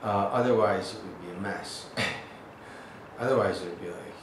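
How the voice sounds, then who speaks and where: A man in his forties, a guest in a casual interview, telling stories with lively acted-out quotes and frequent laughter. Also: low voice, unhurried, far from the mic. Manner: animated storyteller who acts out quotes loudly and laughs often. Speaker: interview guest, actor and father. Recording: echoey room, voice from off-mic, noisy background.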